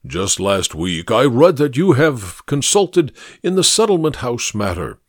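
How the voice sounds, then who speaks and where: A booming, self-satisfied fat gentleman holds court in a grand, patronizing tone, as a male audiobook reader puts him on. His voice swings widely up and down as he lectures, and the recording is close and dry. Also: sing-song, measured pace, no room sound. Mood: genial, patronizing. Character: fat, genial, pompous older gentleman who lectures. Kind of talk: audiobook character voice.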